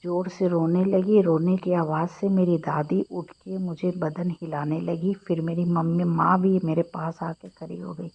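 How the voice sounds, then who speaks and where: A woman narrating a first-person horror story, slow, flat and hushed. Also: fairly low pitch, gravelly, slightly rough. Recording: dull lo-fi audio with faint music.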